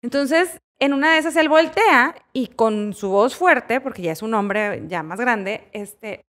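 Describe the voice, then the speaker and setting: Brief: middle-aged woman host, high voice, loud and animated in casual chat. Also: a little slow.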